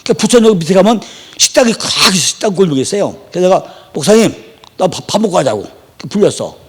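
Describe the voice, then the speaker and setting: A man preaching a sermon, chatty and animated, jumping between loud high exclamations and low asides. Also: fast, slightly rough. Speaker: Bible teacher preaching.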